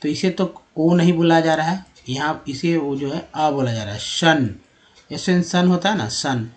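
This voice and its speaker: A man from India explains an English lesson over slides. His voice sits a little high for a man. He talks patiently, repeating each sound slowly and filling pauses as he goes. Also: a little mellow. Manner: patient, repeats words slowly, many fillers. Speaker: English teacher.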